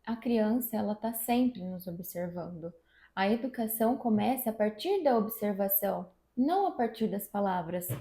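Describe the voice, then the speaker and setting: A woman, a mother co-hosting, giving measured parenting advice in a casual chat at home. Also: mid-range voice, animated, dark tone. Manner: measured, advice-giving, repeats key phrases. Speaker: mother and channel co-host. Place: room at home. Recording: echoey room.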